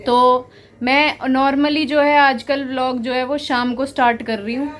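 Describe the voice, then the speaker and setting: A woman's voice: high voice, steady tone, unhurried, a bit bright. A young woman chatting casually in a family vlog, teasing and laughing often as she films around her home. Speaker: vlogger.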